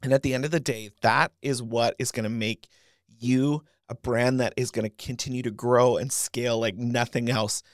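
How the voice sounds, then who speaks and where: A man at a middle pitch hosting a podcast interview. He reads a long guest introduction, then asks questions in an upbeat, chatty manner. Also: fairly even intonation, normal speed, dry recording, clean studio sound.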